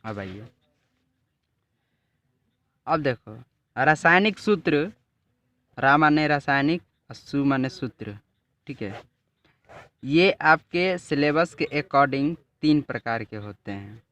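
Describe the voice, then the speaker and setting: Brief teacher with a lilt. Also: male voice, mid-range voice, animated, a bit bright. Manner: drawn-out explanatory, repeats and checks "ठीक है". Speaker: chemistry teacher. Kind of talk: classroom lesson with a student. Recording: dull lo-fi recording.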